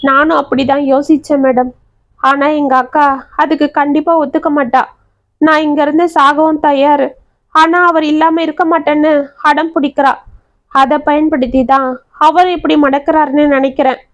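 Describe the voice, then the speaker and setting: A woman's voice: sits high, level tone, normal speed, lightly acted. A woman voicing a distressed young village woman who speaks in earnest, tearful colloquial talk. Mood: despairing. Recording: dry, slightly dull audio.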